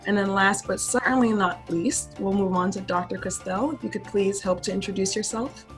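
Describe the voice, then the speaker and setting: A woman's voice: medium pitch, normal speed, soft background music. A woman moderating an online panel, polite and enthusiastic, calling on each guest in turn.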